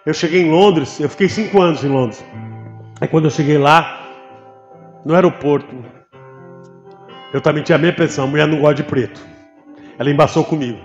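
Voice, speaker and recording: A man with a Brazilian Portuguese accent, a pastor giving an animated testimony in church and acting out the voices in his story. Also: fairly high pitch, a little fast, pauses often, muffled recording. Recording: long hall reverb with faint music behind.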